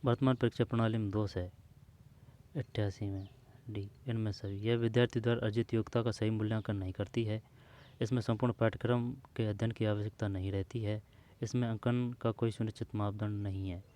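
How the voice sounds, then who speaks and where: A man's voice: on the low side, little pitch movement, fairly quick, dark tone. A man working through old exam questions aloud, speaking informally to the listener and repeating the answer options as he checks them. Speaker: exam prep teacher.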